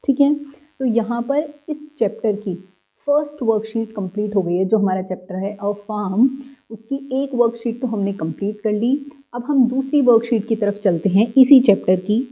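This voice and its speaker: A woman teaching young children a worksheet lesson, going slowly, repeating words and answering her own questions. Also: mid-range voice, clean tone. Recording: slightly dull, lo-fi audio.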